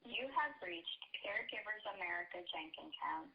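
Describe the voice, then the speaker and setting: A woman's voice on a recorded phone menu message, reading options slowly and evenly over a phone line. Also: mid-range voice, gravelly. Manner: slow, even announcer delivery. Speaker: automated phone system voice. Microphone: heard through a phone line. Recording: muffled telephone line.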